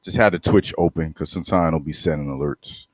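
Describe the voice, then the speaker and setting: A man co-hosting a casual live show over a video call, easygoing and full of relaxed slang. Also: extremely low pitch, brisk, breathy edge, dry recording. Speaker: co-host. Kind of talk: casual chat.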